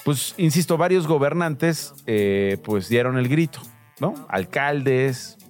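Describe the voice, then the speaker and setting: A man's voice: medium pitch, takes it slowly, faint music behind. A man hosting a radio show with a Mexican Spanish accent, joking and teasing in casual banter. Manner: playful, teasing, lively banter.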